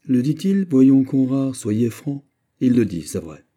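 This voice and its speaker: A man voicing a witty, playful poet who argues with quick teasing replies in an audiobook. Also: medium pitch, sing-song, dark tone, pitched above the performer's own voice. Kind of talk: audiobook character voice.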